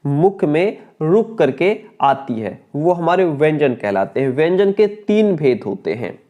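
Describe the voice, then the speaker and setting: A man's voice: fairly high pitch, big pitch swings, unhurried, narrow, tinny audio. A male teacher giving an exam-prep grammar lesson. He keeps asking his students questions, answers them himself and repeats each key point.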